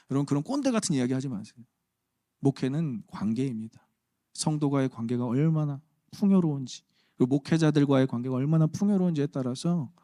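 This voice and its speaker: A man's voice: medium pitch, dark tone, no echo. Man, pastor, chatty humorous sermon, dry close sound. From Chungcheong region, Korea. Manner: conversational, humorous, emphatic preaching.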